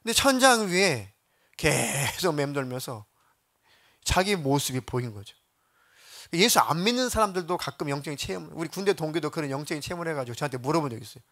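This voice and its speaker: A man's voice: fairly high pitch, very animated, fairly quick, a bit bright. A man preaching a sermon as senior pastor, telling stories dramatically and acting out prayers.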